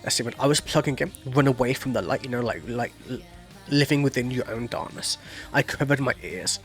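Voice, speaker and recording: A man's voice: mid-range voice, brisk, fairly bright tone. A man hosting a music reaction channel, chatting loosely and profanely about lyrics, full of "like" and "you know". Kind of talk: casual reaction commentary, explaining lyrics.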